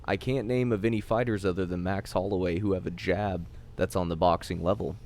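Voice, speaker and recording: A man's voice: low voice, fairly even intonation, brisk, a little mellow. A man hosting a casual sports podcast, talking enthusiastically with frequent swearing. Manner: profane, enthusiastic sports talk. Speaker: podcast host. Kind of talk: casual chat.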